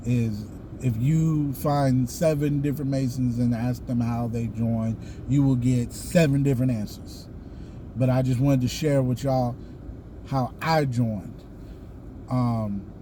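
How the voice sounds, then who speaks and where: A man's voice: medium pitch, mellow, slight background noise. A man with a Southern US accent telling a personal story casually to viewers, with folksy, colloquial phrasing. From the American South. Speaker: video host.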